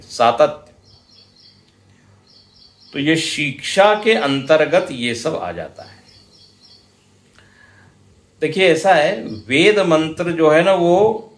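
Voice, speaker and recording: A man with an Indian accent giving a scripture lecture, explaining slowly and deliberately and chanting example verses now and then. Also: fairly high pitch. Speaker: spiritual teacher. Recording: roomy hall echo.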